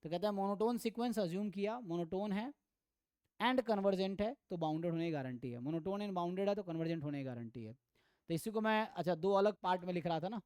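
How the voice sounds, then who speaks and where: A man teaching an online exam-prep math lecture, thinking aloud and reading theorem statements slowly. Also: high voice, lively intonation, a little mellow, clean tone, dry recording, clean studio sound. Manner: thinks aloud, mixes Hindi with English terms. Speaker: math tutor.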